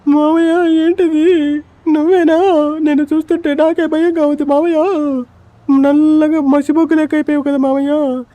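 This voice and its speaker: A man voicing a panicky young boy who wails in a high, worried voice, for a fan-dubbed game story. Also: flat delivery, moderate pace, dark tone, no echo. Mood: frantic. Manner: panicky, wailing.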